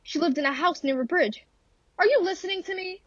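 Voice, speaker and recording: Woman acting anxious bossy wife in an old radio thriller, really high voice, kinda dull dry recording. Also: a little fast, no room sound. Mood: agitated, pleading. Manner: insistent, indignant, easily exasperated. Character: nervous, demanding invalid married woman, imperious and anxious.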